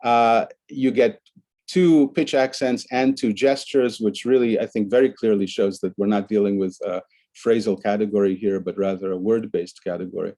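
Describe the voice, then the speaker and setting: A man's voice: fairly low pitch, steady tone, normal speed, warm tone. A man giving an academic conference presentation, explaining the examples on his slides one by one.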